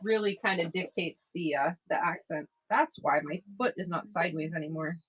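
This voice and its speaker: This quilter, a woman from Maine with the local accent, laughs a lot and pokes fun at herself while working and sewing during a live sales stream, moving about the table. Her voice is fairly low, fairly bright, and slightly rough at a normal speed. The recording quality is low.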